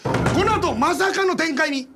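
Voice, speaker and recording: A man's voice: very high-pitched, normal speed. A man hosting a comedy variety show in a studio, narrating each prompt and calling on contestants. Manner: announces prompts and calls on contestants. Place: studio set, indoors. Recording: music loud behind the voice.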